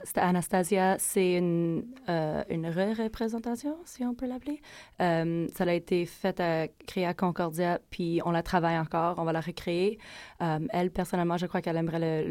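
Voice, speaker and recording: A woman's voice: fairly low pitch, fairly even intonation, moderate pace, a little mellow, dry recording. A woman with a Quebec French accent giving casual interview answers about her work as a filmmaker.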